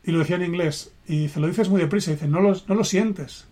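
Earnest Spanish-man, slightly high voice. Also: dark tone. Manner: earnest, emphatic, with deliberate slow phrasing. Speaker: personal development coach. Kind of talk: motivational live stream talk.

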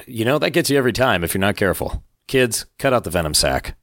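A man co-hosting a casual podcast, hoarse from losing his voice, trading dry jokes. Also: lowish voice, big pitch swings, fast talker, a bit bright, no room sound. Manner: dry, joking banter. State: hoarse from lost voice. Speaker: podcast co-host. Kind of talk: casual chat.

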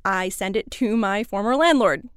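A woman co-hosting a podcast, lively and upbeat as she moves between casual chat and narration. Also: medium pitch, normal speed, smooth, no room sound, studio quality. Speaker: podcast co-host.

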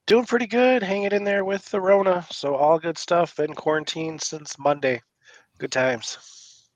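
A man's voice: a little high, fairly even intonation, a little slow, no echo, lo-fi sound. A man co-hosting a casual podcast, upbeat and wry. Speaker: podcast co-host. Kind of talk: casual group chat.

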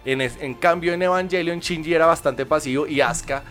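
A man's voice: a little high, a little fast, fairly bright tone. A young man chatting casually as a podcast co-host, joking and slangy but analytical. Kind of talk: casual chat about anime. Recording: faint music behind.

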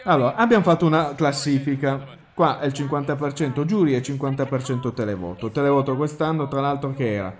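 A man's voice: mid-range voice, quick pace. A man with an Italian accent giving casual live commentary in an emphatic, wry, repetitive way. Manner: emphatic, repeating himself, wry.

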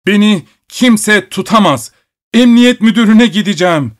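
A man voicing a drunk, distraught male musician who yells in a tearful voice, as a character in an audiobook. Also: sits high, expressive, measured pace, pitched above the performer's own voice. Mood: tearful shouting. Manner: tearful, yelling.

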